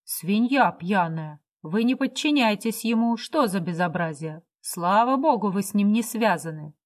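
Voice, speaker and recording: A woman's voice: medium pitch, expressive, a little slow, close to an everyday voice. A woman reading the part of an earnest young workman who lectures in a stern, preachy way. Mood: indignant.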